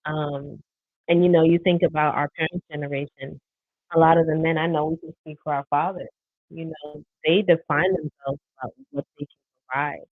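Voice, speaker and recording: A woman's voice: low-pitched, steady tone, moderate pace, no echo. Brief: woman podcast co-host, easygoing and reflective, leaning on fillers, dry phone-like sound. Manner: reflective, many "you know" fillers. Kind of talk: casual live podcast chat.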